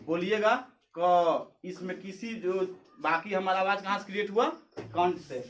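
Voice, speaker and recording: Male teacher, high voice, recorded far off in an echoey classroom; drills students with repeated questions. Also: steady tone, a bit bright, slight background noise. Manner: drills by asking and answering his own questions; says sounds slowly one by one. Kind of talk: classroom lesson. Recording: echoey room, far from mic.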